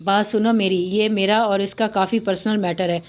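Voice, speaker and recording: A woman's voice: mid-range voice, fairly even intonation, normal speed, close to an everyday voice. Woman reading as a cold curt young woman.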